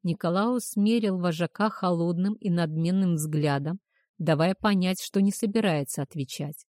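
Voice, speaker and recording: A woman's voice: fairly low pitch, moderate pace, a little mellow, no echo, clean studio sound. A woman narrating a first-person story expressively, rising on anxious questions. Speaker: audiobook narrator.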